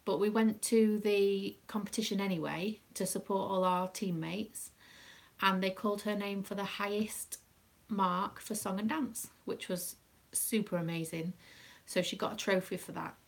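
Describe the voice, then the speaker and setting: A British woman with a medium-pitched voice and some vocal fry chats casually on a live stream at a moderate pace, her intonation fairly even. She's a craft live-streamer and proud dance mum from the United Kingdom, and she rambles along with plenty of ums.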